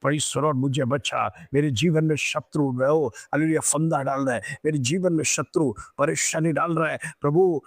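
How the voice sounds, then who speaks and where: A man's voice: fairly high pitch, fairly even intonation, moderate pace, hardly any pauses, no room sound. A man preaching a devotional morning sermon, fervent and exhorting, often breaking into hallelujahs.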